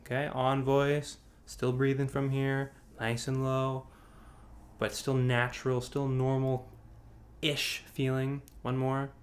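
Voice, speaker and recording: A man's voice: medium pitch, monotone, slow pace. A man teaching an online singing workshop, explaining breath support, with loose, rambling phrasing full of restarts. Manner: demonstrates sighs and sung examples. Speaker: vocal coach. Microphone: video call.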